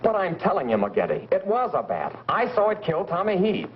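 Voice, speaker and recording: An American actor playing a brisk, sly newspaper reporter in a 1940s B-movie style. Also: male voice, sits high, very animated. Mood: insistent. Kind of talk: 1940s B-movie film acting. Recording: muffled, noisy vintage film soundtrack.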